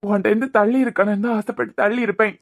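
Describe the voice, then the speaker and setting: A woman's voice: medium pitch, steady tone, rapid-fire, lightly acted. Sad begging dad in a cartoon, woman doing him, kanyakumari accent, keeps saying the kid's name. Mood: pleading. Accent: Kanyakumari Tamil. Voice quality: pleading, sorrowful, repeating the child's name. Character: grieving young father, a doctor, pleading with his daughter. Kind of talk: cartoon voice acting.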